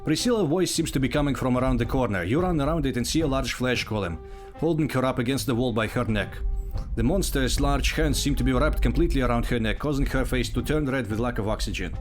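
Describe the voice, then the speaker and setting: A man's voice: mid-range voice, fast talker, soft background music. A man reading out and narrating a text adventure game, casual, with asides.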